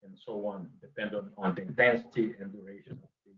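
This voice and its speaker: A man giving an academic seminar talk over a video call, his mic volume going up and down as he speaks, halting and repeating words as he explains. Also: on the low side, steady tone. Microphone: computer mic over a video call. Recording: dull lo-fi video call audio.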